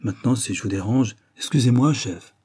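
Un homme qui joue un inspecteur de police calme, ironique et raffiné, dans un livre audio lu. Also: male voice, medium pitch, fairly quick, breathy edge, dry recording, studio quality, lightly acted. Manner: calm, ironic, gentlemanly.

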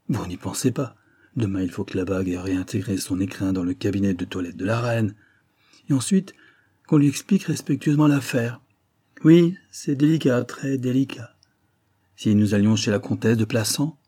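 Un homme qui joue un inspecteur de police calme, ironique et raffiné, dans un livre audio lu. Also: male voice, medium pitch, husky, no room sound, clean studio sound. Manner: calm, ironic, gentlemanly.

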